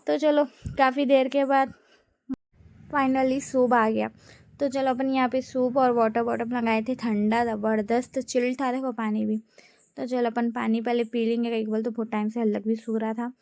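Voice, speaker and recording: A woman's voice: on the high side, flat delivery, normal speed, a little mellow, no echo, clean studio sound. A young woman narrating her family vlog in a chatty, giggly way. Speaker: family vlogger. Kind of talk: casual vlog voice-over.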